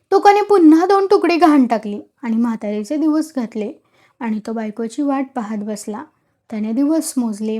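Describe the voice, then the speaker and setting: A woman storyteller reading a classic short story with expressive, dramatic delivery. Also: high-pitched.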